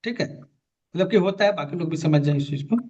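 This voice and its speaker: Male teacher, fairly high voice, muffled call audio, patient and repetitive. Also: moderate pace, dark tone, slightly rough. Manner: patient, repeats key terms, directs a student. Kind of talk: online class on magnet therapy. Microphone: video call.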